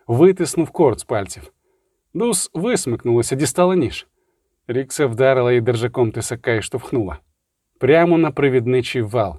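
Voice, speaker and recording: A man's voice: medium pitch, a little mellow, no echo, clean studio sound. A man narrating a fantasy novel as an audiobook, telling it dramatically and shifting his voice for the characters.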